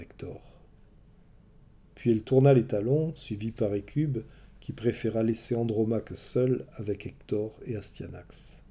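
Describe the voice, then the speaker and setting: A man narrating a storybook tale of an ancient myth in a measured, expressive way. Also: fairly low pitch.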